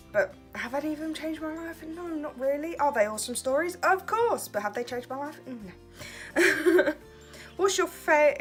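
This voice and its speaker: This woman has a high voice with a fairly bright tone. A relaxed twenty-something vlogger from Kent, she answers get-to-know-me questions late at night in a casual, chatty way, laughing often and teasing herself.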